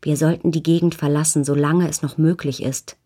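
A woman's voice: low-pitched, steady tone, fairly quick, mellow. A woman voicing a proud, scornful woman with tightly controlled anger in an audiobook. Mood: urging. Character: proud angry woman in a fur coat, defiant.

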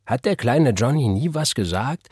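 A man's voice: mid-range voice, lively intonation, normal speed, darkish tone, husky, no room sound, clean studio sound, voice pushed up. A man voicing an old, devout church mother who exclaims praise.

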